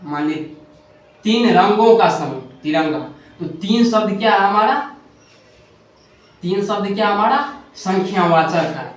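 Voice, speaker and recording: A man's voice: high-pitched, measured pace, long pauses. A man teaching a Hindi grammar lesson at a board, asking questions and answering them himself, often correcting himself. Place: classroom with a board. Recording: very echoey room, distant mic, faint hiss.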